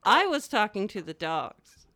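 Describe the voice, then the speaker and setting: A woman comedian, a podcast guest, telling stories in casual chat from a home garage with a concrete floor, sarcastic and ranting, swinging from loud exclamations to low murmurs. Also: sing-song, a little slow.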